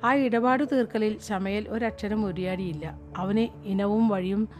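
Brief: female audiobook narrator, steady and measured, middle pitch, clear music underneath.

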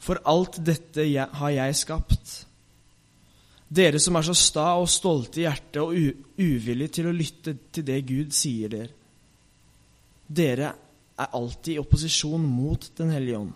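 A man's voice: fairly high pitch, close to an everyday voice. A man reading Stephen, solemn bold preacher. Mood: solemn rebuke. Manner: solemn, rebuking oration. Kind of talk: reading a scripture speech.

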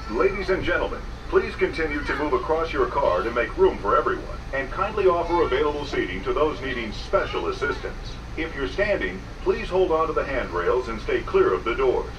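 A man giving polite, measured, prerecorded monorail announcements played over a train loudspeaker. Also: medium pitch. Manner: polite, measured, scripted delivery. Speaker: recorded transit announcer. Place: inside a moving monorail car. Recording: echoey loudspeaker heard from a distance, noisy.

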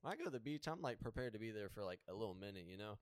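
A man's voice: fairly low pitch, lively intonation, rapid-fire, smooth, no echo, studio quality. Young man, laid-back swearing banter. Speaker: podcast co-host. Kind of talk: casual podcast chat.

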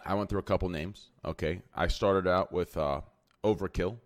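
A man's voice: low-pitched, fairly even intonation, moderate pace. A man hosting a casual podcast chat, talking loosely with lots of fillers. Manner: loose, filler-heavy, sing-song.

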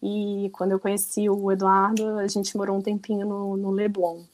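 A woman in her forties from Rio de Janeiro, Brazil, speaks with a Carioca Brazilian Portuguese accent as an interview guest, telling her story in a chatty, self-deprecating way. Her medium-pitched voice is level, moderately paced, and darkish, captured on a rough recording.

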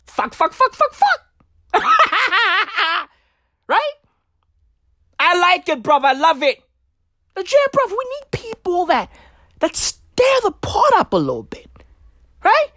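This Tswana-speaking comedian from southern Africa rants in stand-up style, rambling and swearing through animated, slang-heavy delivery. She speaks slowly in a very high voice and pauses often, recorded dry with clean studio sound.

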